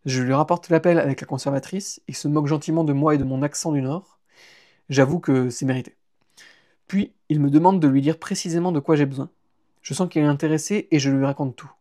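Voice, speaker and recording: A man narrating a humorous novel in the first person on a live stream, lively and playful, stopping for chatty asides to listeners. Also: fairly high pitch, fairly quick. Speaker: audiobook reader and author.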